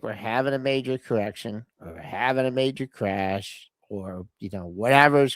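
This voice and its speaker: An older woman co-hosting a market talk show, speaking in a measured, hesitant way with many fillers and restarts. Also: a bass voice, no echo.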